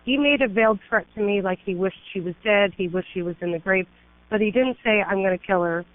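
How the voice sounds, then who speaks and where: Speaking a little fast at a medium pitch, a middle-aged woman lawyer pleads urgently with an emergency line, reeling off emphatic complaints one after another. The telephone recording has no echo but sounds tinny.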